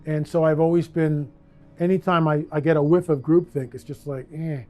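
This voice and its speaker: A man being interviewed, telling a personal story in a vivid, animated way. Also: on the high side, normal speed. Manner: vivid, acts out the voices in his story. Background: faint music.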